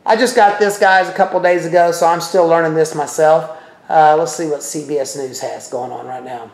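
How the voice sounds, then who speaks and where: A man's voice: a little high, fairly even intonation, brisk. Chatty man in a roomy echo. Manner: rambling, thinks aloud, chatty asides to viewers. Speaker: presenter demonstrating a TV streaming service. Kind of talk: casual walkthrough talking to viewers.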